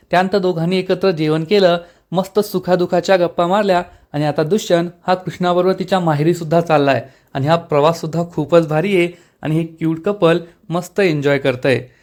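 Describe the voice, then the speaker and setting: A man's voice: a little high, a little mellow. A man enthusiastically narrating a recap of a TV serial episode for his viewers. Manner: enthusiastic, retelling.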